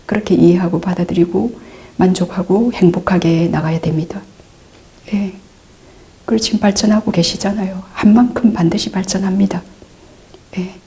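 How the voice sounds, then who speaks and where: A middle-aged woman, a Buddhist nun, patiently answering meditation questions, calm and repetitive, sometimes dropping into soft asides. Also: mid-range voice, moderate pace, long pauses. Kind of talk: dharma Q&A teaching.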